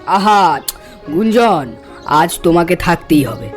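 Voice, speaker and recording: A man with a somewhat high, animated voice speaks slowly, playing a hospitable and insistent village man hosting his junior colleague in a horror cartoon. His delivery is chatty, coaxing and folksy, with background music behind him.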